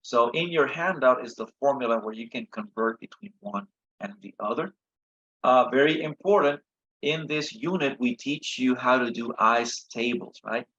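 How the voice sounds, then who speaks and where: A man with a husky, worn-out voice leads an informal online review lecture. He sounds tired and explains haltingly, often stopping to check in. The audio is slightly dull and lo-fi. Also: mid-range voice, fairly bright tone. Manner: halting, frequent checking "okay?" and "right?". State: tired, voice a little shot. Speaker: chemistry instructor. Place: online video session from a computer.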